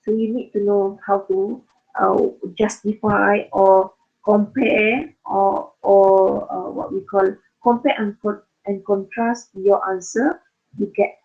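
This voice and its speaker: A woman lecturing on statistics in an online class, losing her voice and speaking haltingly with many fillers. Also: mid-range voice, fairly even intonation. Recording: phone-like narrow sound.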